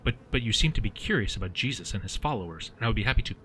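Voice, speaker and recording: A man voicing a nervous, earnest young missionary who stammers and rushes his words. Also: fairly low pitch, animated, sharp tone, a little hiss or hum. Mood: eager.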